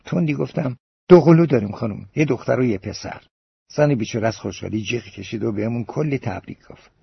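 A man's voice: mid-range voice, vocal fry, slightly rough, exaggerated voice. A male narrator voicing a boastful young man telling a tale to a café crowd, in an audiobook. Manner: grandiose, theatrical address. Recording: dull lo-fi recording.

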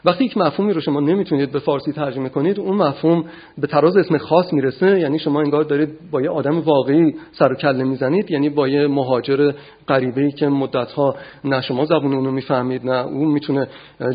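A man lectures on philosophy in a measured, deliberate way, often pausing mid-sentence to search for the next word. His voice is slightly high for a man and has a husky edge. The recording sounds muffled and lo-fi. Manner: measured, frequent hesitations.

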